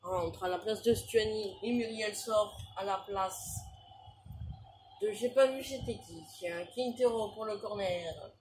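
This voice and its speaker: A young French man commentating a football video game he is playing, rattling off player names and shouting at big chances. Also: sits high, a little slow, slight background noise. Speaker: gaming YouTuber.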